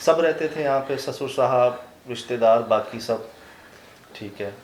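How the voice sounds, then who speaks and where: A man hosting an interview. He speaks calmly and reassuringly, then asks probing questions one at a time. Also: medium pitch, unhurried, slight background noise. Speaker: host and interviewer. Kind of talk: conversational interview.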